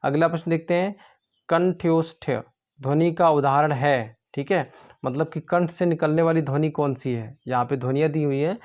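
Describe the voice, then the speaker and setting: A man's voice: a little high, normal speed, a little mellow, highs cut off. A man tutoring for an exam, going through quiz answers step by step in a patient way. He asks his own questions and then answers them.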